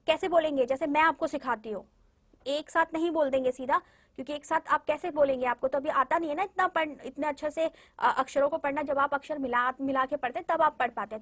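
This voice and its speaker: High-voiced woman teaching young children. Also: a bit bright. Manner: slow, patient syllable-by-syllable spelling out; encouraging, addresses children directly. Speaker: primary school Hindi teacher. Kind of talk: online class lesson for young children.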